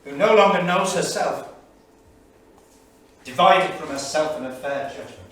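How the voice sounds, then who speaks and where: In a small indoor theatre studio, a man performs a staged reading as an anguished, grave English intellectual keeping a diary in 1938. His voice is on the high side and fairly bright, his delivery measured, learned and emphatic. The recording is distant and echoey, with a little faint noise.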